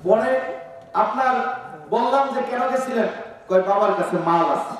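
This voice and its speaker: A man preaching a sermon with a Bangladeshi Bengali accent, chanting lines and rising into shouts. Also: very high voice, normal speed, a crowd in the background. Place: outdoor religious gathering. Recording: echoing loudspeaker sound from far off.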